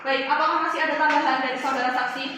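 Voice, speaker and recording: A woman's voice: sits high, fairly even intonation, rapid-fire, lightly acted. A woman playing a presiding judge in a mock trial, speaking formally and sternly warning the court. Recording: echoey room, distant mic, noisy.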